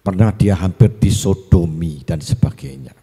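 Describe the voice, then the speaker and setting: Pastor with a low, dark voice in a hall. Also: male voice, expressive, normal speed, creaky, breathy edge. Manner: storytelling, acts out quoted voices. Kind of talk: seminar talk to teachers. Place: school hall. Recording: echoey hall.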